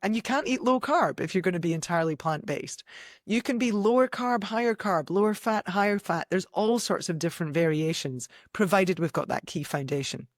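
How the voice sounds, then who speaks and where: A woman's voice: on the low side, a little fast, no room sound, studio quality. A woman with a Scottish accent, a nutrition scientist speaking as a guest in a podcast interview, with an enthusiastic, practical manner and easy laughter. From Scotland.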